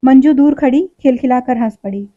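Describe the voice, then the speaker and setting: A woman narrating a literary short story in a measured, expressive way. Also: high voice, no room sound. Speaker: story reader. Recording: dull lo-fi recording.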